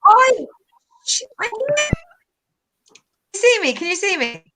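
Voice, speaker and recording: A woman's voice: very high-pitched, big pitch swings, slow pace, noisy background. Brit woman on a glitchy video call, voice cutting out, flustered and stammery. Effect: voice breaking up over a dropping video-call connection.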